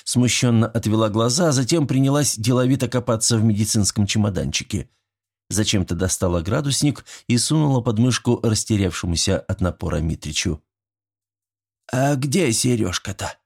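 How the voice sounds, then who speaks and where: Guy narrating an audiobook in first person, low-ish voice, even storytelling. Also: slightly rough.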